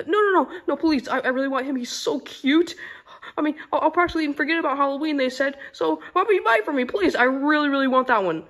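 Woman doing a whiny young male yoshi, high, very lively, begging, plush toy comedy. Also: quick pace. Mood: pleading. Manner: whining, begging.

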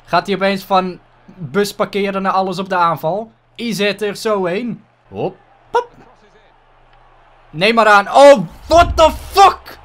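A man with a Dutch accent giving casual gameplay commentary, excitable and swearing a lot, dropping English exclamations into his talk. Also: sits high, unhurried, pauses often. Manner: excitable, frequent swearing and frustrated outbursts. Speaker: gaming YouTuber.

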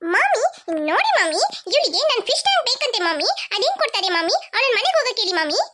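A possessive little cartoon girl with a piercingly high voice barks orders and complains. Noise runs under the soundtrack. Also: sing-song, quick pace. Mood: complaining. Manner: bossy, snappy. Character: possessive, bossy little girl guarding her fish.

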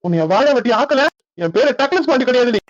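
A man voicing a hot-headed, boastful young village husband who shouts angry threats, with a Kanyakumari Tamil accent, on a dull, lo-fi voice track. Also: extremely high pitch, lively intonation, fast, dry recording. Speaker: voice actor in a village comedy cartoon. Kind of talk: comic cartoon voice acting.

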